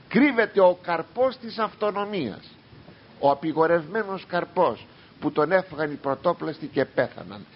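Priest guy preaching, husky voice that swings up and down a lot, muffled lo-fi sound. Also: a little high. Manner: lively, rhetorical, quotes imagined objectors. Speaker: priest teaching a congregation. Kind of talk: sermon with scripture reading. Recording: dull lo-fi recording.

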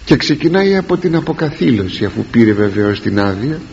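Animated preacher in an echoing church. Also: male voice, gravelly, breathy edge. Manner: animated, rising to emphatic peaks and dropping low. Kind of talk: sermon. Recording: dull lo-fi recording with long hall reverb.

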